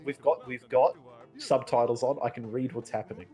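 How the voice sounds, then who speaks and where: A man casually chatting with a co-host while playing a video game, swearing freely and giving animated opinions on game tech. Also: mid-range voice, moderate pace. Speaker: co-host of a gaming playthrough.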